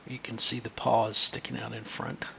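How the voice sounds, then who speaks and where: A man's voice: medium pitch, flat delivery, moderate pace, creaky, sharp tone, slight background noise. A man teaching a screen-share lesson for kids, chatty and thinking aloud as he points things out.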